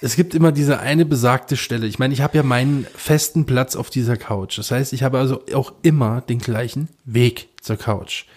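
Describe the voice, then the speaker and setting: A man's voice: medium pitch, steady tone, moderate pace, hardly any pauses, a little mellow, slightly rough. A man co-hosting a podcast, telling a story in casual chat, full of fillers and restarts. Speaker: podcast co-host.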